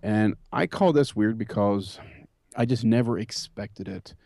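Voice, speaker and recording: A man's voice: fairly low pitch, a little slow, gravelly, darkish tone, dry recording, clean studio sound. A man co-hosting a podcast, chatting casually and rambling with many fillers about vintage computers. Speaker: podcast co-host.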